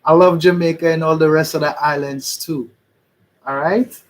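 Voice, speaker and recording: This Trinidadian musician's voice sits fairly high, with fairly even intonation and a moderate pace, captured in low quality. Rambling through a casual livestream, he explains things and often checks in with the people watching.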